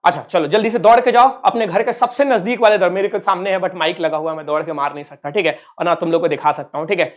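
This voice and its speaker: A man's voice: sits high, fast talker, hardly any pauses. A man from Uttar Pradesh, India, teaching a physics lesson online in a playful, teasing way and calling his students kids. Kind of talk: online exam-prep lecture.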